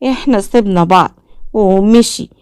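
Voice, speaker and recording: A woman with an Egyptian accent voicing a frightened young boy, speaking in a high, trembling, pleading voice. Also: normal speed, darkish tone, clear, resonant tone, no echo, clean studio sound, lightly acted. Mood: fearful. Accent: Egyptian Arabic.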